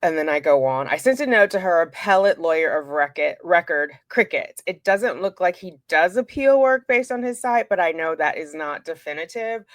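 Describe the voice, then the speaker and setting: A woman's voice: lowish voice, lively intonation, normal speed, hardly any pauses, dry recording, studio quality. A woman doing casual true crime commentary for her viewers, chatty and informal, breaking off into asides as she walks through documents.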